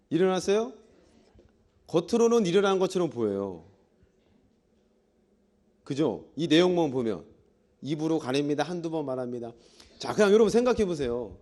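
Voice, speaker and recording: A man's voice: on the high side, darkish tone. A middle-aged man preaching a sermon in a church, reading scripture and asking the congregation questions. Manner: acts out quoted dialogue. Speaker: pastor.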